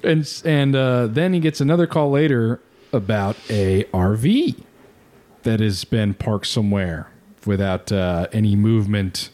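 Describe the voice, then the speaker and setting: A man hosting a casual podcast, retelling a crime story in a lively, swearing way. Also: on the low side, a little slow. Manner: animated storytelling with swearing and laughs. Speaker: podcast host. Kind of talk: casual true-crime chat.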